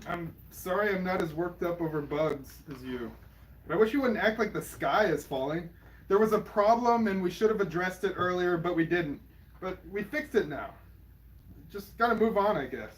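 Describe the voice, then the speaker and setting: In a naturalistic audio drama, a man plays a laid-back, flippant partner who is nervous about bee stings, sounding casual, wry, dismissive, and defensive. His voice is high and expressive at normal speed. The low-quality recording has faint background noise.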